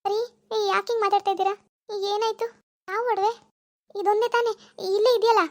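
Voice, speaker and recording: Lady voicing a super high squeaky cartoon wife, flustered, begging, talks fast. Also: level tone. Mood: pleading confused. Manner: pleading, protesting innocence. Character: flustered young village wife, bewildered and pleading. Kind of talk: cartoon voice acting.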